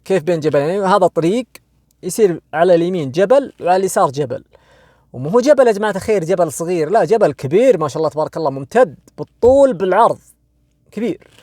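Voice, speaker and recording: A man's voice: sits high, expressive, darkish tone, no echo, clean studio sound. A young man with a Saudi accent retelling a horror story to his audience, casual and conversational, drawing out the tense moments. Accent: Saudi Arabic. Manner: conversational, asks listeners "you know?", frequent restarts; swings between quick asides and slow, dramatic drawn-out phrases.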